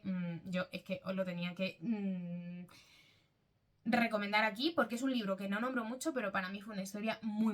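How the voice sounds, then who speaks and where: A woman's voice: mid-range voice, fairly bright tone. Woman, Spain accent, casual book vlogger, chatty, self-correcting. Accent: Spanish from Spain.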